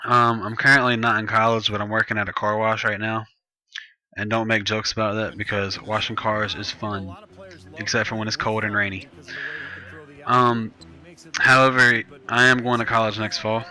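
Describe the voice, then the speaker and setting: This young gamer, nineteen, speaks at a normal speed in a lowish voice with little pitch movement, bright and forceful. He rambles loosely through gameplay commentary for his YouTube channel, correcting himself as he goes. The audio is rough.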